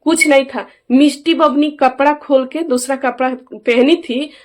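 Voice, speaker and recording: A woman's voice: high voice, fairly even intonation, unhurried. A middle-aged woman, speaking as an aggrieved mother in a casual vlog. She talks emphatically and keeps asking those around her to back her up. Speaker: mother airing a family grievance.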